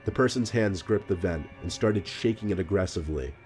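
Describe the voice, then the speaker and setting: A man reading a scripted story in a calm, measured narration. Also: low-pitched, soft background music.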